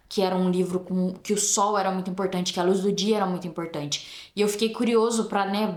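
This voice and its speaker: A woman with a Brazilian Portuguese accent hosts a casual book review vlog. She sounds tired and talks in a chatty, informal way, with asides and slang. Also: on the low side. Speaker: book reviewer and channel host. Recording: roomy echo.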